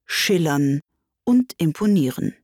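A mournful, sighing mock turtle from a storybook, voiced by a woman, dragging each word out very slowly. The voice sits low and breathy, plaintive and heavy. It is recorded dry and close. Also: lively intonation, darkish tone, dry recording, heavily acted.

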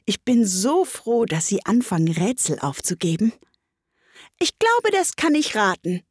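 A woman's voice: mid-range voice, lively intonation, moderate pace, slightly rough, no room sound, clean studio sound. A woman voicing a curious, polite young girl in a storybook reading, with a raised, eager tone. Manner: eager, raised, bright girlish voice.

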